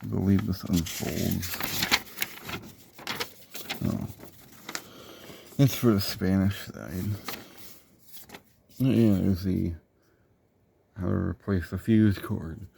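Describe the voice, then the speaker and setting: A man's voice: sits low, takes it slowly, creaky, pauses often, noisy background. A man hosting a casual unboxing video, rambling with dry, sarcastic asides about the product. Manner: rambling, with fillers and self-corrections. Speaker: host of a product unboxing show.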